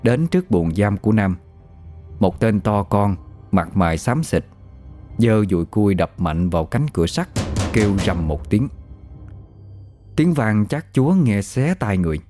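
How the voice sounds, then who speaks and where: A man telling a horror story in a grave, measured narration. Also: fairly low pitch, lively intonation, warm tone. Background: faint music.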